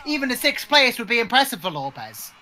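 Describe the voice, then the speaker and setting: A man's voice: very high voice, very animated, fairly quick, bright, forceful tone. A man giving conversational live race commentary as a co-commentator, chatty and emphatic, repeating his points. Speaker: motor racing co-commentator.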